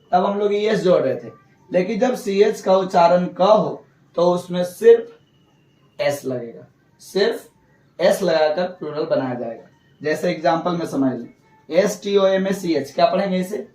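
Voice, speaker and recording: A man's voice: high voice, a little mellow, echoey room, distant mic, poor audio. A male teacher explaining English grammar rules, asking questions and answering them himself. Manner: repeats rules, asks and answers own questions. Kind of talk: classroom lesson.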